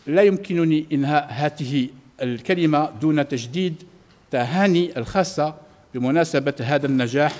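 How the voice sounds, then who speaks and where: A man's voice: on the high side, darkish tone. A man in his forties reading a formal prepared speech at a lectern with a cluster of press microphones, speaking as a ministry official in a large hotel banquet hall. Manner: reads from notes in a measured official cadence.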